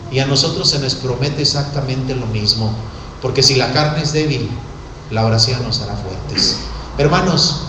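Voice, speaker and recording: A man preaching a sermon, passionately swinging between hushed tones and shouts. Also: fairly high pitch, noisy background. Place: church sanctuary. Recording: echoey church hall.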